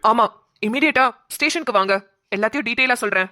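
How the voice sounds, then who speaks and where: A woman voicing a brisk young police officer. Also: on the high side, bright, forceful tone, dry recording, studio quality. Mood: businesslike. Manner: brisk, businesslike. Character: young male police colleague on a call. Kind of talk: cartoon voice acting.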